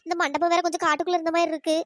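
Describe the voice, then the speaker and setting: A woman's voice: very high voice, flat delivery, rapid-fire, dry recording. A woman voicing a timid young bride in a cartoon, speaking hesitantly and anxiously. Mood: worried. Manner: hesitant, worried.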